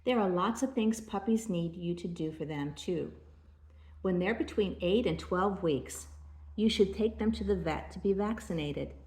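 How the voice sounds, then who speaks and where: Older grandma lady reading a kids picture book, lowish voice, roomy echo. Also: darkish tone. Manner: grandma voice, measured storytelling delivery. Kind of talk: read-aloud children's storybook narration.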